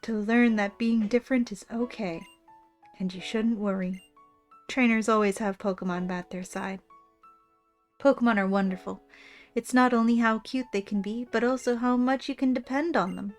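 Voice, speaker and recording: A woman acts out a lady gym leader from a video game. She is composed and self-important, lecturing calmly in a fairly high voice with light music behind. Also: moderate pace, natural voice. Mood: composed, instructive. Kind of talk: reading video game dialogue aloud.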